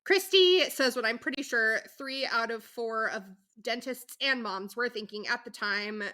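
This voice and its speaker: A woman co-hosting a podcast, recapping a show in a chatty, animated way, full of asides and fillers. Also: fairly high pitch. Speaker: podcast co-host. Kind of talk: casual chat recapping a reality show.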